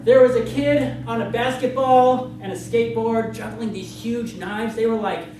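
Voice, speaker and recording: A person telling a tall tale to a live audience in an animated way, acting out bits of dialogue as they go. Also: mid-range voice, normal speed. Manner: animated, acts out dialogue and moves. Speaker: contestant in a storytelling contest. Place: live event room with an audience. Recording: very echoey, noisy room, distant mic.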